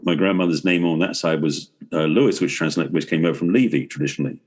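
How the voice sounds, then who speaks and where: Guesting on a casual podcast, this relationship expert and author, a middle-aged man from England with an English accent, reflects aloud in a fast, low voice with a breathy edge.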